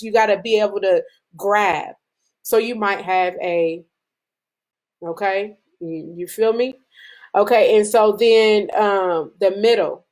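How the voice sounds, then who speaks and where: A woman giving a casual branding lesson to a group, talking conversationally with frequent fillers and restarts, speeding up when excited. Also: mid-range voice. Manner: speeds up and slows down as she gets excited. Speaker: business branding presenter. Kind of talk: casual teaching talk to a group.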